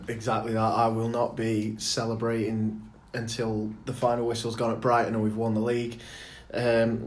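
A man's voice: medium pitch, darkish tone. A young man chatting casually as a football podcast guest. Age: young adult. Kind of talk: casual chat.

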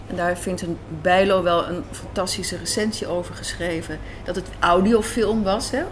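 Seated indoors at a café with faint background noise, the Dutch radio drama writer and director responds to an interviewer in an emphatic, conversational manner. Her pitch is fairly low, her intonation fairly even, and her pace moderate.

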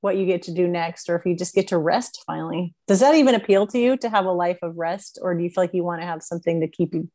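A woman's voice: fairly low pitch, fast talker, hardly any pauses, dark tone. A woman in her sixties hosting a podcast, talking in a chatty, reflective way with many fillers. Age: 60s. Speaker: podcast host. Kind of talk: casual interview chat.

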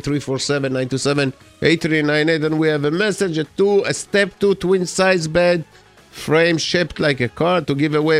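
A man hosting a casual community radio show, making improvised announcements with searching pauses. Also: fairly high pitch. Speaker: radio host.

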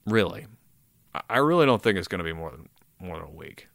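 This is a man with a deep, gravelly voice who sounds very tired and sleepy. He chats solo as a podcast host in a rambling, self-deprecating way, swearing casually. The sound is dry, with no room echo. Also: very animated, fairly quick, fairly bright tone.

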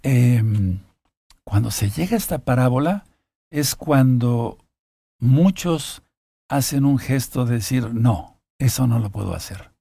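A man with a dark, mellow voice teaches from the Bible in a deliberate, repetitive way. He reads passages aloud, then breaks off to speak straight to his listeners. The sound is dry and close, with little room in it. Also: mid-range voice, expressive, gravelly, husky, no echo. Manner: slow, deliberate, repeats key phrases. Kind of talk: sermon-style Bible teaching.

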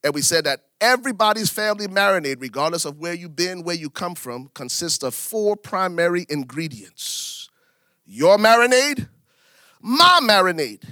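Liberian-born preacher with a bright, forceful voice. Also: male voice, very animated, normal speed, no room sound. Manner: preaching with big swings in pitch and volume, repeating phrases for emphasis. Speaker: pastor. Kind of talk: sermon.

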